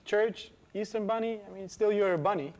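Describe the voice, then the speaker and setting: A man's voice: high voice, brisk, darkish tone. A man hosting a student TV magazine, chatty, interviewing a guest and introducing items, with stumbling restarts. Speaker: host and interviewer.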